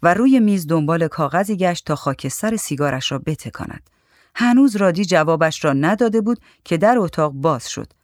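Storyteller, calm and even, mid-pitched, dry close studio sound. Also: no room sound. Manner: calm, even literary reading with light voices for adults. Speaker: narrator. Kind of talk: audiobook reading of a short story.

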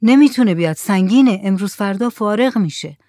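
A woman's voice: mid-range voice, animated, no echo, studio quality, natural voice. A woman voicing a village man who answers strangers and calls out from the shore, in a story reading. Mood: plain. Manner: shouting back toward the sea. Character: village man Zakaria, brother of the absent mulla.

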